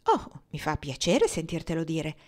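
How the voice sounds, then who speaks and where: A calm, motherly woman who talks gently but frankly, as a woman narrator reads her. The voice sits fairly low and even in a storybook reading. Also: moderate pace, full character voice. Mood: kind.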